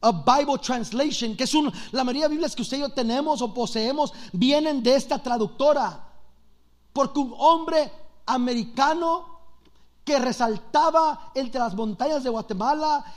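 A man from Los Angeles preaching a storytelling sermon, fast, animated and joking. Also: very high voice. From Los Angeles, USA.

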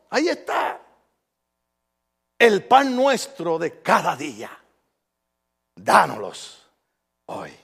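Animated pastor, high gravelly voice. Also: male voice. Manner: animated, asks the congregation questions, acts out quoted voices. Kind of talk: sermon. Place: church.

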